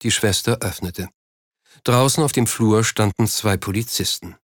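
A man narrating an audiobook in an even, steady storytelling manner. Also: on the low side, unhurried, no echo, clean studio sound. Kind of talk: scripted narration.

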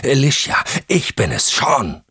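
A man's voice: low voice, normal speed, sharp tone, husky, no room sound, clean studio sound, heavily acted. A man voicing a hunted man in an audiobook, talking in urgent, clipped instructions. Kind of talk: audiobook character voice.

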